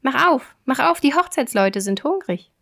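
A woman doing a high, pleading little hare. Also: lively intonation, moderate pace, creaky, a bit bright, exaggerated voice. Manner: high, insistent calling. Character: small pleading male hare, eager bridegroom.

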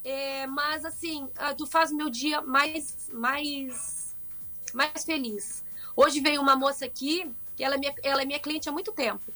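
A middle-aged woman, chatting expressively as an interview guest. Her voice sits high and sounds bright and forceful, and faint music plays softly underneath. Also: measured pace. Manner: expressive, talkative, frequent restarts. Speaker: guest, fashion seller and social media influencer. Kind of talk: animated conversational interview.

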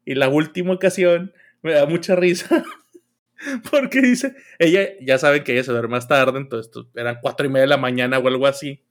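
High-voiced Mexican man telling a story. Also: moderate pace. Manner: animated storytelling, acting out voices and shouts. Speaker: podcast co-host. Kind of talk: casual chat.

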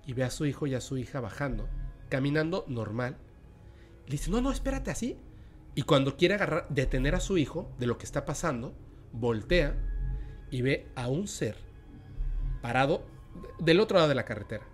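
A man's voice: mid-range voice, lively intonation, normal speed, long pauses, faint music behind. Mexican man telling a spooky story. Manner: dramatic, drops to a hushed voice at tense moments. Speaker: podcast host and storyteller.

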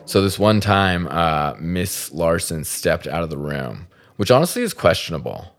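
A low-voiced man speaking at normal speed hosts a podcast. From the Salt Lake area, he relates an amusing story casually and animatedly, swearing freely and teasing himself.

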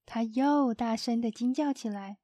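A woman narrating a children's storybook in a gentle, expressive storytelling manner. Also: fairly high pitch, measured pace, dry recording.

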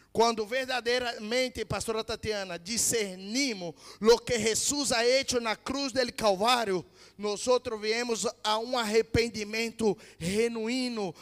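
A man preaching a fervent sermon, swinging from loud emphatic peaks to low quiet asides. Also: long reverb tail.

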